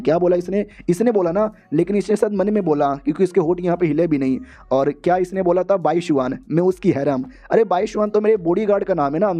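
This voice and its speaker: A young man tells a comic's story in a loose, joking way, his voice sitting high yet sounding mellow and soft-edged. He keeps dropping into quick, mocking voices for the characters. It sounds like a relaxed, chatty recap. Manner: playful, jokey, mocks characters in quick voices. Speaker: manhwa recap narrator.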